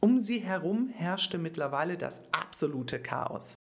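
A woman with a notably low voice narrates a children's story. Her reading is calm and expressive, in a scripted storytelling style. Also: a little slow, vocal fry.

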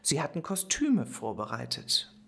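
Low-voiced woman reading a children's story. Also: wildly swooping pitch, unhurried, creaky, fairly bright tone. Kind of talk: scripted children's story narration.

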